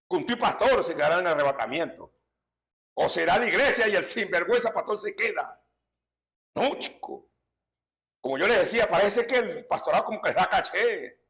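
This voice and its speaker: Emphatic pastor with high voice. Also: male voice, a bit bright. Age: older. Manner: emphatic, repetitive, with frequent restarts. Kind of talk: sermon.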